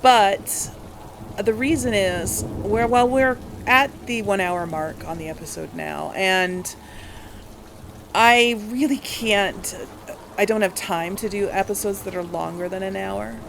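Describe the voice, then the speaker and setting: A woman hosts a casual let's play, chatting with viewers, talking to herself as she plays, and letting out exclamations. Her mid-range voice has vocal fry and moves slowly, with slight background noise.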